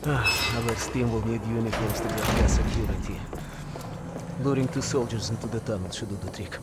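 A man's voice: on the low side, fairly even intonation, normal speed, roomy sound, close to an everyday voice. Guarded double agent played by a man. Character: guarded Soviet intelligence officer working as double agent. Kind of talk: video game drama acting. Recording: noisy game ambience behind.

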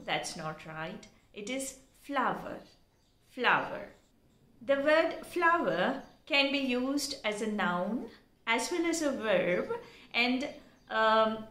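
A woman gives a pronunciation lesson, speaking slowly and deliberately. Her voice carries a noticeable room echo. She is earnest and explanatory, and she spells words out letter by letter. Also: medium pitch, fairly bright tone. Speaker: English teacher.

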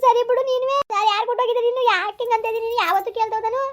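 A woman's voice: extremely high pitch, steady tone, rapid-fire. A woman playing an old village wife who pleads and protests against her husband's accusations in a comedy skit. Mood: defensive whining. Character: old village wife, defensive and self-pitying.

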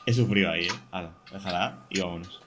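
A young man, hosting casual co-op gameplay chat, excitable and jokey, talking through every move. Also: sits low, quick pace. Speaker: gaming podcast host.

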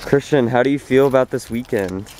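A man's voice: mid-range voice, a little fast. A young man chatting casually with friends while filming a road-trip vlog on a handheld camera. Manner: easygoing, chatty, colloquial. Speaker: student filming his team's trip. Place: outdoors by a van, then in the van. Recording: loud traffic and outdoor noise.

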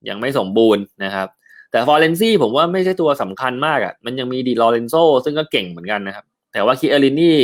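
A man's voice: medium pitch, fairly bright tone. A man hosting a casual football news chat, talking loosely with frequent filler sounds and answering viewer comments. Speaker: football news show host.

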